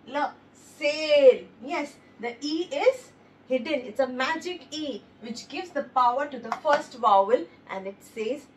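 A woman's voice: sits high, far from the mic, a little hiss or hum. A woman teaching a phonics lesson, sounding out letters one by one and praising the children. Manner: slow, sounding out letters one by one, stressing each word; encouraging, addresses listeners as babies.

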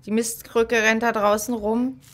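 A woman's voice: a little high, flat delivery, measured pace, fairly bright tone. A middle-aged woman playing a horror game, thinking aloud in casual commentary on a headset mic. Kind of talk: casual let's play commentary.

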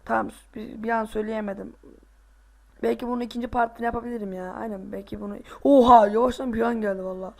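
A male gaming host giving casual let's play commentary, excitable, groaning and boasting to himself as he plays. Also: high-pitched, quick pace, creaky.

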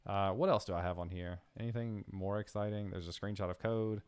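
A young man hosting a coding live stream, thinking aloud with fillers and getting excited. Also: lowish voice, fairly quick, smooth, no room sound. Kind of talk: casual live-coding chat.

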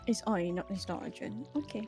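A woman's voice: medium pitch, fast, dark tone. A woman streamer chatting in a laid-back, teasing way while playing a farming game with a friend. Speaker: guest streamer. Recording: faint music behind voice.

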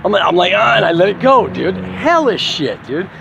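Gravelly, swearing middle-aged man venting. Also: sits high, big pitch swings, normal speed, highs cut off, music in the background. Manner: heavy swearing, agitated venting with laughs. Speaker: vlogger. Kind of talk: profane rambling monologue to camera.

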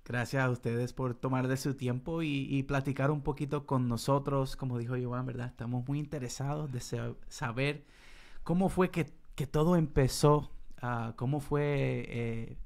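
A man in his forties co-hosting a podcast, asking his guests friendly, slightly halting questions. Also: mid-range voice, steady tone, vocal fry, a little mellow. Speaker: podcast co-host. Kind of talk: casual chat. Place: home studio. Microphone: studio mic with headphones.

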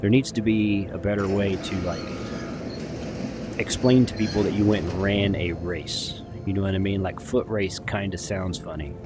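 A man's voice: low voice, moderate pace, over loud music. A man giving casual, rambling gameplay commentary as a video host, chatty, informal and self-deprecating.

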